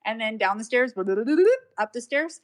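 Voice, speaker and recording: A middle-aged woman co-hosting a podcast from home, telling a story in a chatty, animated way. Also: on the high side, slow pace. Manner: chatty, animated storytelling with playful voices for pets. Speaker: podcast co-host. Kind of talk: casual storytelling chat. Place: at home with dogs nearby. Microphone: home mic on a live audio stream.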